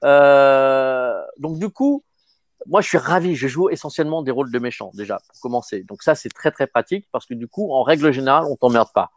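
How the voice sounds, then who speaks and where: A man in his fifties, an actor talking casually in an interview, often halting and repeating words. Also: mid-range voice, dry recording. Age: 50s. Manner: halting, stammering repetitions. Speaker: actor guest.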